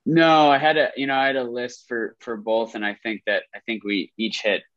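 A man's voice: medium pitch, little pitch movement, normal speed, a bit bright, no echo. A man with a nasal voice co-hosting a casual podcast over a video call, friendly and self-deprecating. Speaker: podcast co-host. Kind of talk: casual chat. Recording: dull dry lo-fi call audio.

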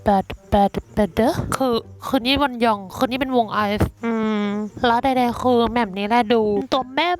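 A woman giving lively gameplay commentary, excitable and shrieky, with frequent cursing and English exclamations. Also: a little high, normal speed, hardly any pauses. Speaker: gaming creator. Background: game music.

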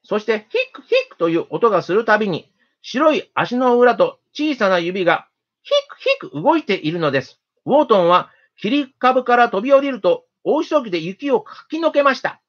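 A storyteller narrates a children's tale in a gentle, steady, expressive reading. The voice sits at a middle pitch. The recording sounds dull and lo-fi. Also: moderate pace.

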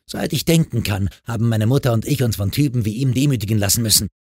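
A man's voice: medium pitch, lively intonation, fast talker, a little mellow, breathy edge, dry recording, clean studio sound, pitched above the performer's own voice. Man voicing a bitter, defiant teenage girl. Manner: defiant, scornful. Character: bitter, hostile teenage girl, on the edge of tears.

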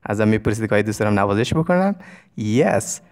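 A man whose first language is Persian, teaching an English lesson, saying English lines slowly and explaining them. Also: fairly low pitch, animated.

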